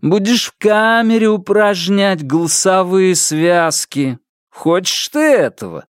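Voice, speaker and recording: A man's voice: sits high, expressive, slow, clean tone, no room sound, clean studio sound, pitched above the performer's own voice. A man voicing a lazy, mocking young man in an audiobook, drawling and sneering without hurry. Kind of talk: audiobook character voice.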